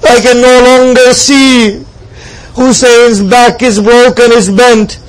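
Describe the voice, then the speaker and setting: A preacher with a very high voice recites a religious lament, telling a mournful devotional story with solemn, impassioned drama and plaintive cries. He speaks slowly with little pitch movement, and the recording quality is low.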